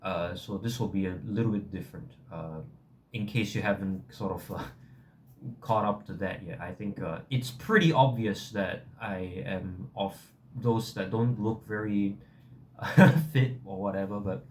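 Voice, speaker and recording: A young man with a Singaporean accent talks casually to his viewers in a fairly low voice. He hesitates, backtracks and is self-deprecating as he rambles along. There is some noise in the background of the recording. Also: measured pace. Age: young adult. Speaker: vlogger.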